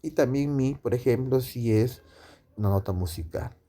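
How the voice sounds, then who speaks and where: A man with a mellow, medium-pitched voice teaches a grammar lesson. He explains slowly, using many fillers and tag questions.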